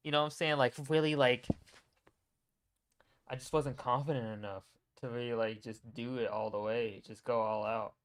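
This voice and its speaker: A man's voice: medium pitch, fairly even intonation, normal speed, clean tone. A young man casually reacting to his own old videos, teasing and talking to himself. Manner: wry, teasing, talks to himself.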